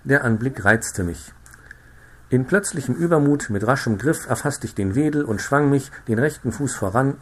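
A man reading a classic story aloud, narrating in a measured, expressive way. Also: lowish voice, a little hiss or hum. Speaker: reader. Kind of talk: literary audiobook narration.

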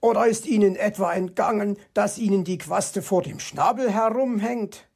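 A reader voicing a cheeky, jovial male fox who teases his friend, in a raised pitch for a storybook reading. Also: normal speed, creaky, darkish tone, slightly rough. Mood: teasing. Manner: teasing, laughs at others.

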